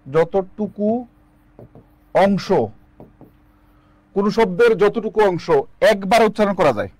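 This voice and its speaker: A man's voice: high-pitched, fast talker, a little mellow, no room sound. A man teaching an online English lesson, asking students questions and drilling the answers back. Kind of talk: online lecture.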